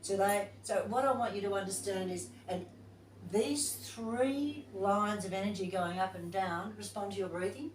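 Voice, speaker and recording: A woman of medium pitch, talking at normal speed, runs a yoga teacher training class, reading to the group and reflecting aloud in a loose, chatty manner. The audio is distant and echoey, with slight hiss or hum.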